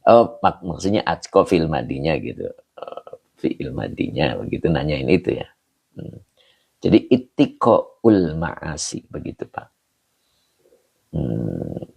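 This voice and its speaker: A man with a very deep, gravelly voice gives an unhurried livestream lesson on an Islamic text. His delivery is slow and husky, with a slight hoarseness, yet his pitch moves a lot as he stresses Arabic terms. He breaks off to greet viewers from the comments. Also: very animated, darkish tone. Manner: explains Arabic words slowly, then greets viewers from the comments. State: slightly hoarse, clears throat. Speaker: Islamic teacher.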